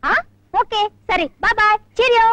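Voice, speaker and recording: A woman's voice: extremely high pitch, unhurried, fairly bright tone, no room sound. A woman playing a flighty young daughter in an old film comedy, giggly and mixing in English words. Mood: giddy. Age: young adult. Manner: giggly, mixes English words, repeats a pet phrase. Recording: dry old film soundtrack with music.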